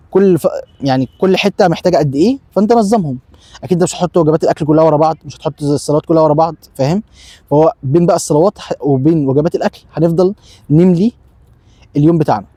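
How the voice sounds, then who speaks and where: A man's voice: a little high, warm tone, breathy edge, dry recording. A young man with an Egyptian accent gives a casual step-by-step lesson. He asks himself questions and answers them, and often repeats short phrases. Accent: Egyptian Arabic. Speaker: self-help video host. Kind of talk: casual instructional talk.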